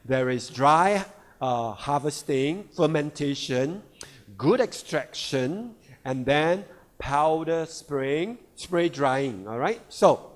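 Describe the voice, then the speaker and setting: A sales leader presents products at a seminar to a live audience, speaking slowly and emphatically in a slightly high, animated voice, with long hall reverb around him. He keeps checking in with "all right?" and "right?" asides, repeating and rephrasing key words.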